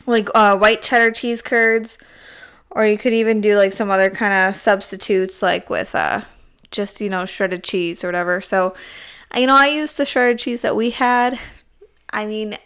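A woman's voice: medium pitch, fairly even intonation, normal speed, fairly bright tone, clean tone. A woman co-hosting a podcast in casual chat, rambling a little with fillers. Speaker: podcast co-host.

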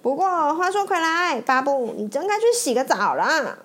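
Lightning McQueen, a lively young race car, as a woman puts him on. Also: high-pitched, normal speed, voice pushed up. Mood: excited. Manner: shouting, lively. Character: young male race car hero, friendly.

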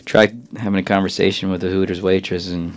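A man's voice: deep voice, flat delivery, fast. A man co-hosting a casual radio show, bantering, teasing and reading things out in a joking way.

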